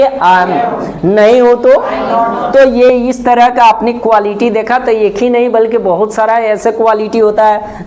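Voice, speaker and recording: A man's voice: high voice, darkish tone. Male English teacher, lesson drill style, quizzes the class constantly, repeats and spells words. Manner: drills by asking "what will we say?" again and again. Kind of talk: spoken-English lesson in Hindi.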